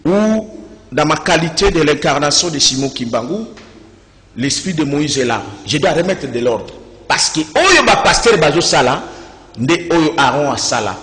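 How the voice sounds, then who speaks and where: A man with a Congolese accent, a religious speaker in a debate, preaching with fiery declaiming that rises to shouts. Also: a little high, animated, normal speed. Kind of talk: impassioned preaching in an interview. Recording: echoey reverberant room.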